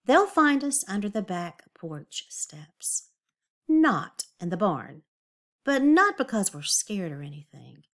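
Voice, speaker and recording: Taking her time, a woman with a medium-pitched voice and big pitch swings reads a picture book to young children. As a read-aloud teacher, she stresses words expressively and mixes in confiding asides and questions.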